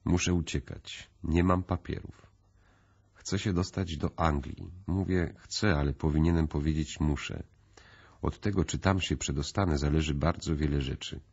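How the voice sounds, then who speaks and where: A man's voice: very deep voice, fairly even intonation, breathy edge, highs cut off, heavily acted. A man reading a desperate, nervous fugitive. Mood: agitated. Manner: hurried, nervous. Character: agitated male fugitive, tense and desperate.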